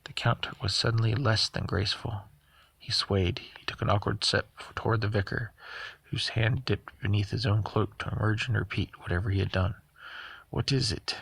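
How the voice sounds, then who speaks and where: Gravelly-voiced man reading a novel aloud. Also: on the low side, moderate pace. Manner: steady reading with occasional stumbles and self-corrections. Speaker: audiobook reader. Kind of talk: audiobook narration.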